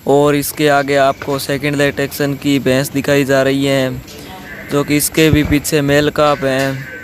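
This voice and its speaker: A man's voice: medium pitch, completely flat delivery, measured pace, a little hiss or hum. A man hosting a farm video, walking through a dairy yard and talking in repetitive sales patter about buffalo for sale. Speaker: channel host showing buffalo for sale. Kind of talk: video tour commentary.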